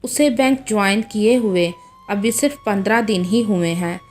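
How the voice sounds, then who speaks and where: A woman's voice: mid-range voice, normal speed, darkish tone, lightly acted. A woman voicing a young husband, defensive and pleading, in a read-aloud story. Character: young husband, quick-tempered then regretful.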